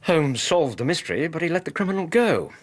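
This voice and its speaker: An actor playing a loyal, warm-hearted Victorian gentleman doctor with an English accent and a husky voice, in a radio drama. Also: a little high, sing-song, a little fast, no echo. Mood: tired, affectionate. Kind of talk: radio drama acting and narration.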